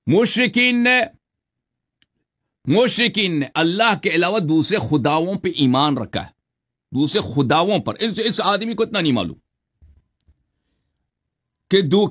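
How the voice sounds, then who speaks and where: Insistent high-voiced man in a heated debate. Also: lively intonation, a bit bright. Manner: insistent, argumentative, recites scripture slowly.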